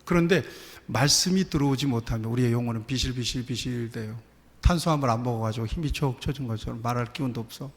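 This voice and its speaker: A man's voice: medium pitch, fast talker. Man preaching in a reverberant church hall. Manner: conversational preaching, mimics quoted prayers, rhetorical questions. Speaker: pastor. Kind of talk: sermon. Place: church sanctuary.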